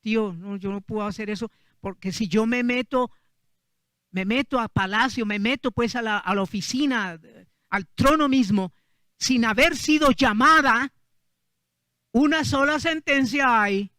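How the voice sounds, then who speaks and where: Una reina joven y temerosa que ruega con emoción, en una voz aguda y brillante, como la interpreta un predicador. El sonido es seco y cercano. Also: male voice, very high voice, measured pace, bright, forceful tone, no echo, studio quality, full character voice. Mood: pleading. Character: frightened young queen, pleading.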